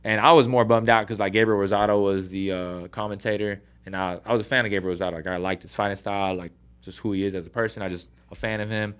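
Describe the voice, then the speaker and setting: A man's voice: on the low side, steady tone, quick pace, hardly any pauses, a bit bright, smooth. A young man, a boxer, talking casually in a podcast interview, swearing often and acting out quotes. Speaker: boxer guest.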